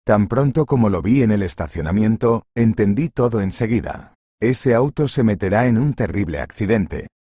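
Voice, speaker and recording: A man's voice: fairly low pitch, animated, moderate pace, mellow, breathy edge, no echo, studio quality. A man voicing a timid, apologetic young woman who works as a kitchen helper in a storybook reading. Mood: fearful. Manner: apologetic, hesitant.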